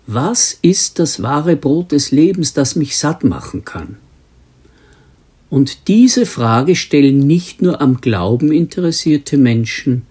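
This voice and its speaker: A man preaching a sermon, reading scripture slowly and stressing single words. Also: mid-range voice, dark tone, breathy edge.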